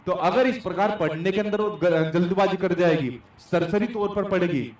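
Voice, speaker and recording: A man's voice: high voice, moderate pace. A young man giving an exam-prep lecture as a teacher, explaining with lots of repetition and rhetorical questions. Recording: echoey room, distant mic.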